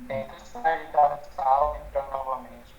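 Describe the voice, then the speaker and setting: A woman's voice: very deep voice, fairly even intonation, a little slow, a little mellow, roomy sound, lo-fi sound, faint music behind. Woman on a choppy, metallic video call. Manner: short helpful remarks about the connection. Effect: choppy metallic video-call audio. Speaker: student. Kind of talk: casual remarks on a video call.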